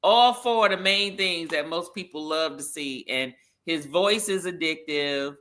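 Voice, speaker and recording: A man co-hosting a podcast in casual chat, emphatic and animated, often breaking into laughter. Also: on the high side, a little slow, a little hiss or hum. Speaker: podcast co-host.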